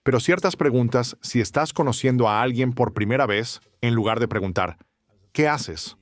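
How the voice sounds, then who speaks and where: A man's voice: medium pitch, moderate pace, dry recording. Conversational man hosting an interview. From Ohio. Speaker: podcast host.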